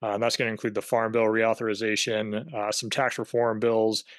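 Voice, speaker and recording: A man presenting on a video-call webinar as a government affairs director, speaking haltingly with many fillers and restarts. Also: fairly low pitch, level tone, no room sound.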